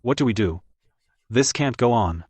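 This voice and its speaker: A man's voice: medium pitch, lively intonation, normal speed, darkish tone, husky, dry recording. A man playing an uneasy court official serving an emperor in a dubbed period drama. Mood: grave.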